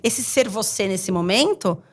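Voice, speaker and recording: A middle-aged woman psychologist explaining temperaments in a casual podcast chat, with animated delivery full of little acted quotes. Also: medium pitch. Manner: animated, talks in quick bursts with acted quotes. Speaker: psychologist guest.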